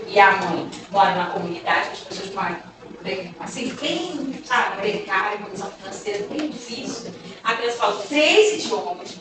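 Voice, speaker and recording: A woman speaking casually to teachers, telling animated stories and acting out the children and parents in them. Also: high voice. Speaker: guest speaker on gifted education. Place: large room or hall at a school training session. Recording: echoey room, voice from far off.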